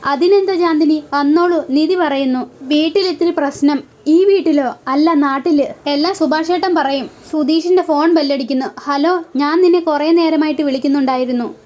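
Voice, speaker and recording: A woman's voice: sits high, moderate pace, a little mellow. A woman retelling a TV serial episode. She speaks every character's lines in turn and adds short asides saying who is talking.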